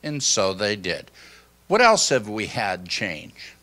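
An older man giving an informal sermon to a small congregation, speaking slowly and conversationally into a handheld microphone in a church hall. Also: fairly low pitch, wildly swooping pitch, bright, forceful tone. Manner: slow, conversational, reflective. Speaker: pastor.

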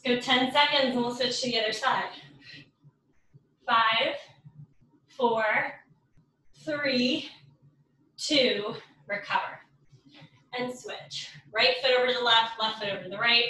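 A woman's voice: on the high side, sharp tone, a little hiss or hum. A woman fitness instructor leading a live home workout, counting down reps and cueing moves while out of breath. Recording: roomy echo from far off the mic.

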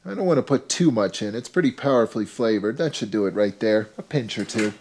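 Talking fast and animatedly in a fairly low voice, a man in his forties hosts a scripted cooking show directly to camera with playful enthusiasm. Filmed in a home kitchen set and grocery store, it has a music bed and a noisy background.

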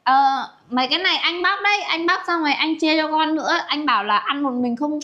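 A woman's voice: sits high, fairly quick, bright, forceful tone, muffled recording. A woman playing a meek, eager younger sister in a comedy family skit, polite and timid.

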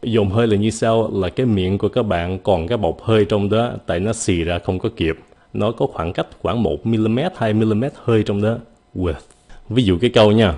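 A man giving a casual spoken lesson on English pronunciation, patiently repeating example words slowly. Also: fairly low pitch, darkish tone.

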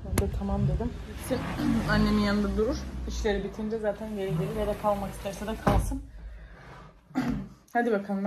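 A woman's voice: mid-range voice, noisy background. A young woman with a Turkish accent, telling viewers a story in a casual vlog, emotional and breathless as she recounts events. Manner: emotional, breathless retelling with repeated calls. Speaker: vlogger.

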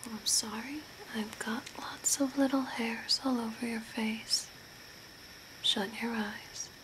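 In a small home room by a window, a young adult woman whispers breathily and softly close to the mic, playing a makeup artist in a soothing ASMR role play as if giving personal attention. Her voice is a little high and steady, and she takes it slowly. The home recording is noisy with ambient hiss.

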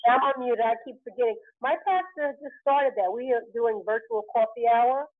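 A woman telling a lively, chatty story to a group. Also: on the high side, moderate pace. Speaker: group participant. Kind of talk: chatty anecdote. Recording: tinny phone line.

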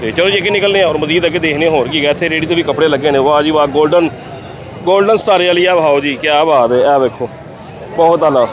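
Here a market-touring vlogger with a Lahori Punjabi accent talks fast in a slightly high voice. Chatty and enthusiastic, he speaks straight to the camera's audience from a busy outdoor bazaar, with the crowd's bustle behind him.

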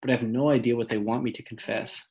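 A man reading an audiobook voices a firm, steady older woman, a grandmother, in a gravelly, husky tone. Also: mid-range voice, quick pace, lo-fi sound.

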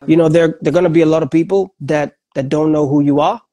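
A man's voice: a little high, steady tone, fast, dark tone. A middle-aged man hosting a podcast interview over a video call from home, friendly and encouraging, with lots of casual fillers. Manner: friendly, encouraging, lots of "bro" and "you know". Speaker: podcast host. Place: indoor room at home.

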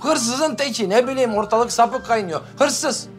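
A man's voice: extremely high pitch, unhurried, soft background music. An actor playing an easygoing teacher husband who teases and coaxes his wife. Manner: teasing, coaxing, animated. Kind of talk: TV drama acting.

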